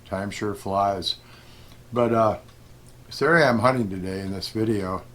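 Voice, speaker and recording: Folksy middle-aged man, low voice. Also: a little slow, a bit bright, slight background noise. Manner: folksy, rambling, with chuckles and many fillers. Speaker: gold prospecting vlogger. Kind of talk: casual storytelling. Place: outdoors at a desert detecting spot.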